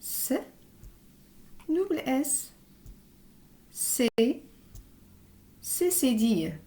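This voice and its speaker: A woman leads a reading lesson for young children, sounding out each letter and syllable with deliberate care. Her voice sits a little high but has a mellow, soft tone. She speaks very slowly, leaving room for the class to answer. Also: expressive. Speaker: primary school teacher.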